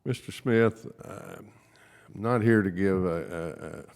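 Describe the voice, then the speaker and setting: Low-pitched man, firm and emphatic. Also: slow, gravelly, darkish tone. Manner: firm, emphatic, repeats points, legalistic. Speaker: county official, attorney for the court. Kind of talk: formal remarks at a public meeting. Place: large public meeting room. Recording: echoey meeting hall.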